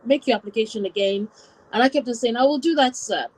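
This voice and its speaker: This interview guest, born in Wales and brought up in Nigeria from about nine, tells her story reflectively and step by step. She talks fast in a voice on the high side, captured on a rough recording.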